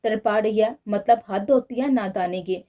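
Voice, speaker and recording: A woman's voice: medium pitch, moderate pace, muffled recording, natural voice. A woman voicing a lovesick, impatient young husband in a storybook reading, earnest and pleading. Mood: frustrated.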